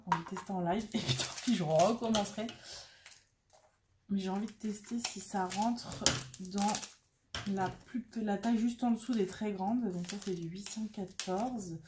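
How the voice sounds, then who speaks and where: Chatty self-mocking woman crafting, noisy room. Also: medium pitch. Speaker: craft vlogger. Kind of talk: casual chat while crafting.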